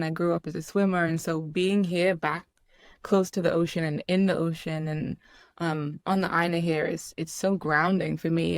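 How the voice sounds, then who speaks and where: Podcast guest: middle-aged woman, lowish voice, thoughtful and unhurried, dry close mic. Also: dry recording. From UK islands. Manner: reflective, with frequent ums and restarts. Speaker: guest, clinical social worker. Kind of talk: casual podcast conversation.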